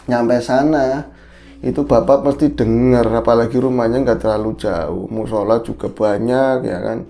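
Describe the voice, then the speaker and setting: Gravelly man telling a horror story. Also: medium pitch, fairly even intonation, normal speed, warm tone. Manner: conversational, leads the story and checks in with his co-host. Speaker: podcast co-host, storyteller.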